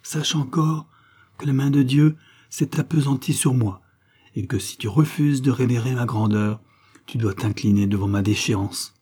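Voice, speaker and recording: A man's voice: medium pitch, moderate pace, a little mellow, slightly rough, close to an everyday voice. A man voicing a proud, worn-out royal woman in exile, declaiming in a lofty, solemn way. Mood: haughty, solemn.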